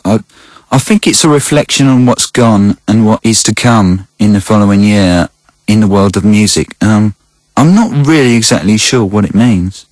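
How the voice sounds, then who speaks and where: Actor as low-voiced, glum male musician. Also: no room sound, close to an everyday voice, poor audio. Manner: downcast, earnest, hesitant. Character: moody, self-serious male pop musician. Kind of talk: comic in-character radio interview.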